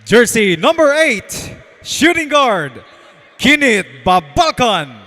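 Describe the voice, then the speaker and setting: A man's voice: very high voice, sing-song, takes it slowly, bright, forceful tone. A man with a Filipino accent announcing in a hyped arena style, stretching out names like a fighting game announcer. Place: large indoor arena over PA. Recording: long echoing arena PA reverb.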